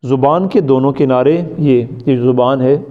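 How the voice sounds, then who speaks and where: A man from Pakistan teaching Quran recitation in class. He drills each sound by repeating it, quizzes his students and keeps checking that they follow. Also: medium pitch. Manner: often checks understanding with "ٹھیک ہے؟". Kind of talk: classroom lesson. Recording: muffled lo-fi recording.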